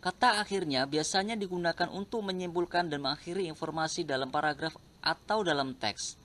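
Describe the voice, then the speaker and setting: A man reads out a grammar lesson, working through points one by one. His voice sits a little high, and he keeps a slow, even, list-like delivery. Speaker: teacher. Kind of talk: reading a grammar lesson aloud.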